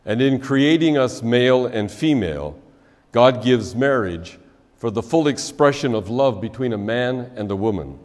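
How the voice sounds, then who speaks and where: A man in his sixties preaching a measured wedding sermon as officiant, his phrases dropping softly at their ends, in a church sanctuary. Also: medium pitch. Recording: long church reverb.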